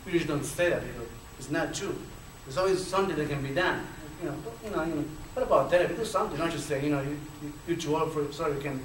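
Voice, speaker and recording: A fairly high-pitched Chilean man races through his personal story as a panelist, barely pausing. He stutters, uses many fillers and has a Chilean Spanish accent. The distant lecture hall recording is echoey and carries faint noise.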